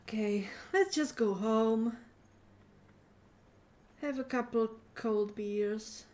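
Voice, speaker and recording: Woman streamer goofing around w chat while she plays, slowish unhurried talk, kinda high voice. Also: darkish tone. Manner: playful, teasing, talks to chat. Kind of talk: casual live-stream chat while gaming.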